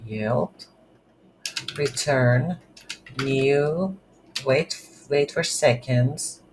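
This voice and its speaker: This is unscripted narration from a game dev tutorial, delivered at a slow, halting pace while the instructor types and reasons out loud. The voice is mid-range. The recording picks up a noisy room and keyboard typing.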